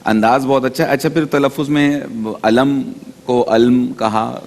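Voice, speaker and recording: Male judge, mid voice, fatherly and measured, studio reverb. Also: mid-range voice. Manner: measured, fatherly, hesitant fillers. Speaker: competition judge. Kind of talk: giving feedback to child contestants.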